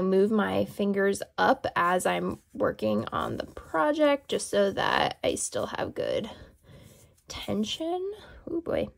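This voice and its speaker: A woman's voice: mid-range voice, vocal fry. A young woman teaching crochet in a casual, chatty way, with many ums and self-corrections as she demonstrates.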